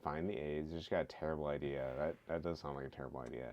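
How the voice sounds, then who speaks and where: A man's voice: extremely low pitch, steady tone, rapid-fire, a little mellow, muffled recording. A young man hosting a stream, chatting casually and telling rambling stories, laughing often and swearing freely. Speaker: streamer host. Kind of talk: casual chat.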